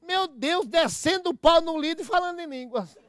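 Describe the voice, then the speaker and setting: Pastor guy preaching, pretty high voice, jumps from soft mutters to loud shouts. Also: normal speed, dry recording. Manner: animated, mimics church members with comic voices; swings from soft low asides to loud proclamations. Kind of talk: lively preaching sermon.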